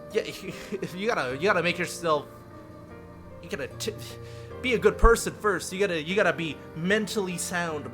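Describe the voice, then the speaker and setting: A high-pitched man live streams a visual novel, his commentary casual and animated, self-deprecating and full of profanity.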